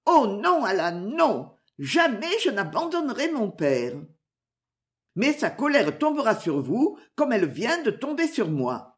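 A woman's voice: a little high, big pitch swings, measured pace. A woman reader voicing a young noblewoman in anguish, pleading and crying out in a storybook reading.

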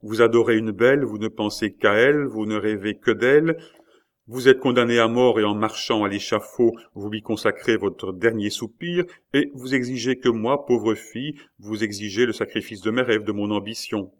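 A man's voice: moderate pace, natural voice. A man voicing a tearful young woman. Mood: teasing. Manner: raised pitch, emotional. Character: young woman, tender, hurt and teasing. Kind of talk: audiobook reading.

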